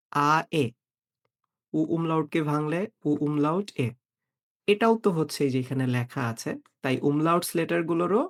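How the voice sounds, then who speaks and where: A man teaching a beginner German lesson, patiently explaining and slowly repeating example words. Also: on the high side.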